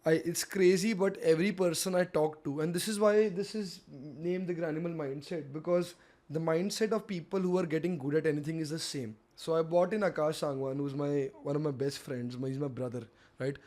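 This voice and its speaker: Brief: young man, keen podcast host, slightly high voice, mixes in Hindi. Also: fairly even intonation, brisk, a little mellow. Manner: enthusiastic, affirming, mixes Hindi into English. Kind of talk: casual interview talk.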